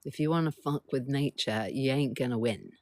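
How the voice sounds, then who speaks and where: A woman's voice: very deep voice, moderate pace, darkish tone, no room sound. A middle-aged woman coach hosting a casual live stream, talking bluntly, swearing freely, and keeps urging viewers to reply in the chat.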